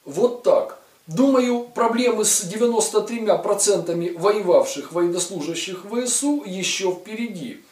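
This is a forties-aged man, a video blogger commentator, whose high-pitched voice has a darkish tone. He mocks politics to camera with ironic, emphatic sarcasm. The recording, made in a studio with a virtual set, sounds roomy and far off.

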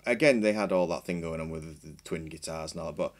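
A man's voice: sits low, fast. A man, a band member chatting as a guest in a small podcast studio, rambling and self-deprecating, with many restarts. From Yorkshire, England. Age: 40s. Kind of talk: casual chat. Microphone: boom mic with headphones.

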